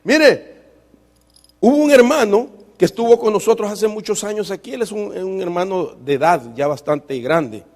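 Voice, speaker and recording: A man's voice: high voice, lively intonation, normal speed, a little mellow. A man preaching a sermon as pastor, telling stories fervently and often calling his listeners brother. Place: church sanctuary. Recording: long reverb of a church hall.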